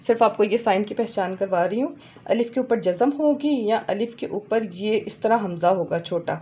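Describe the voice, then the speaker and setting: A woman's voice: mid-range voice, mellow, muffled recording. A woman teaching a Quran lesson step by step, patiently repeating each point and checking in with her students.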